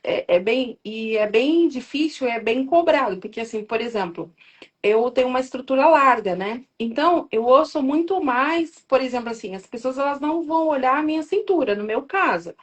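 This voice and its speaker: A woman's voice: high voice, animated, moderate pace, husky. A woman hosting a podcast, chatting casually and thinking aloud with small restarts. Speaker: podcast host.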